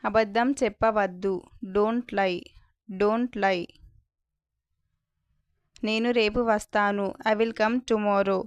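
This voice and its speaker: A woman with a Telugu accent teaching spoken English, saying each short phrase twice, slowly and distinctly. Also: mid-range voice, fairly even intonation, smooth, dry recording. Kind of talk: slow repeat-after-me phrase drill.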